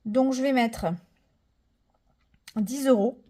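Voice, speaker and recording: A woman in her thirties chatting casually through a budgeting vlog, full of fillers, enthusiastic and counting money out loud. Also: high-pitched, steady tone, slow pace. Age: 30s. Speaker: budget vlogger.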